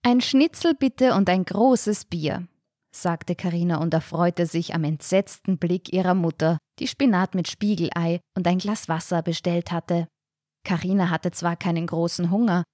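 A woman with a fairly low voice reads a short story in a measured, clear way, as a podcast narrator. The sound is dry and close, with no room echo at all. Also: darkish tone.

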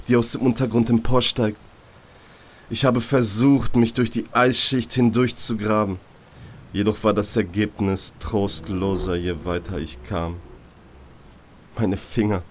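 A man's voice: fairly low pitch, a little mellow, a little hiss or hum. A man narrating a grim horror story in a brooding, dramatic first-person reading.

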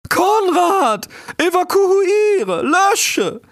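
A frantic female owl of learning shrieks orders in a voice far above normal speech. Her commands stretch out long and loud. The recording is dry and close. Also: sing-song, no echo, heavily acted. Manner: high, shrieking, drawn-out commands. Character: shrill old female owl scholar, frantic.

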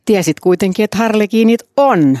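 A woman hosting a casual book-club podcast, chatty and quick to laugh. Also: mid-range voice, warm tone, dry recording, studio quality. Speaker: podcast host.

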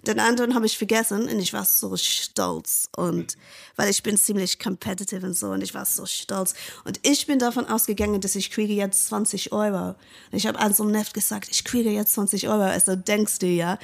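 A woman with an English accent speaks in a gravelly, creaky mid voice, a native English speaker chatting as a podcast guest. She tells and reads her own story with lively drive, stumbling and repeating words as she reaches for the phrasing. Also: medium pitch, normal speed. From Britain. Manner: animated, repeats words while searching for German. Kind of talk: casual chat and reading aloud.

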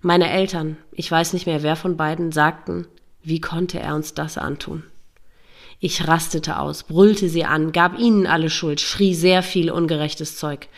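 A woman in her fifties reads her own life story aloud. Her voice sits a little low, and she keeps it quiet, subdued and measured throughout. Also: fairly even intonation. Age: 50s. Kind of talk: reading a personal memoir aloud.

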